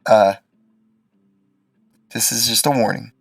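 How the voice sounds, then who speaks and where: A man improvising as game master in a tabletop game, speaking hesitantly with many pauses. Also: lowish voice, fairly even intonation, vocal fry, breathy edge, dry recording, distant mic, faint music behind. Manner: hesitant, halting delivery.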